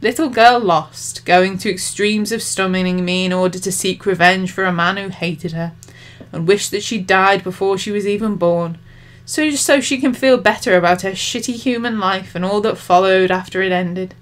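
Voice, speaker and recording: A woman's voice: medium pitch, normal speed, hardly any pauses, natural voice. A woman voicing a cruel, mocking male demon with a thin, spiteful voice. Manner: taunting, sing-song mockery.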